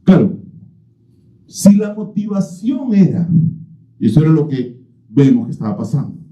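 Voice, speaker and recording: A male pastor preaches an expository sermon with emphasis and repeats his key phrases. His voice sits a little high and sounds very warm and dark. The recording is roomy and a little dull, as in a church sanctuary. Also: very animated, moderate pace.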